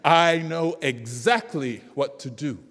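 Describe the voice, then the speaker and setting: A man's voice: fairly high pitch, takes it slowly, fairly bright tone. Anansi, a man playing an eager clever spider. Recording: long hall reverb.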